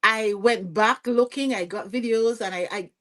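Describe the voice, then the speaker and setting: Vincentian-accented woman guest, lively storyteller, pitched a bit high. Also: moderate pace. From Saint Vincent and the Grenadines. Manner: lively, chatty, often asks "you see what I'm saying?". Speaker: podcast guest. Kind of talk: conversational storytelling interview.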